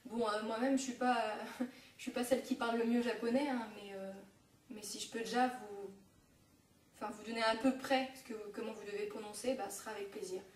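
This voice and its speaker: A woman's voice: on the high side, fairly even intonation, a little fast. A young woman from France teaching a casual home-made language lesson, hesitant with many fillers and self-corrections. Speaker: online Japanese teacher. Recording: echoey room, mic at a distance.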